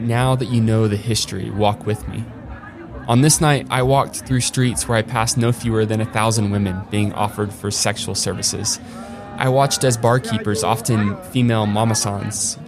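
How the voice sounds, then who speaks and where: Earnest low-voiced man narrating. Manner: measured, earnest, emphatic. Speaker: podcast host. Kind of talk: scripted documentary narration. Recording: narration over clear music.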